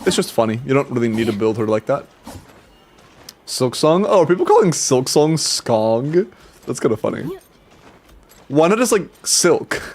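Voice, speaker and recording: In a medium-pitched, sing-song voice with a darkish tone, a young man chats casually with viewers during a game stream at normal speed, leaving long pauses. He sounds congested and stuffy, rambles with restarts, and swears and laughs casually.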